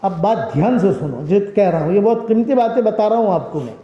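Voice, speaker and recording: A man's voice: sits high, animated, dark tone. A man from India delivering a sermon as a preacher, telling stories with emphatic, repeated phrases. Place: large hall at a women's religious school. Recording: echoey lo-fi hall recording.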